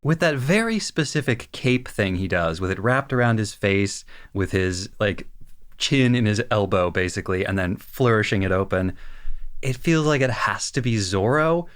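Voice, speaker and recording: A man's voice: on the low side, expressive, normal speed, a bit bright, clear, resonant tone. A man co-hosting a casual podcast discussion, making wry, joking asides. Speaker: podcast co-host.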